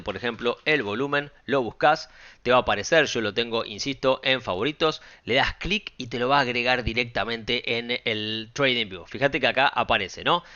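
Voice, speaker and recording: A man with a Rioplatense Spanish accent gives a screen-share tutorial on trading software, casual and direct, often checking in with the listener and using fillers. His voice is medium-pitched, and the recording has a dull, lo-fi sound.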